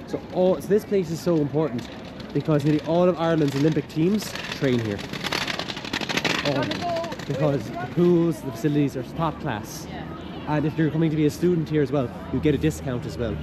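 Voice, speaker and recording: A man's voice: a little high, fairly quick. A young man giving an informal, enthusiastic walking tour, explaining things in a chatty, loosely phrased way. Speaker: campus tour guide, student. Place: outdoors, walking around a campus. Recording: noisy outdoor recording with traffic. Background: clear urban ambience and traffic noise.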